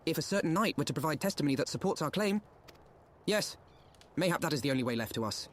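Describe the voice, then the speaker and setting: Man playing young scholar diplomat, game dialogue, formal and eloquent, higher pitched, rapid delivery. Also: animated, natural voice. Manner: formal, eloquent, archaic phrasing. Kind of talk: game voice acting.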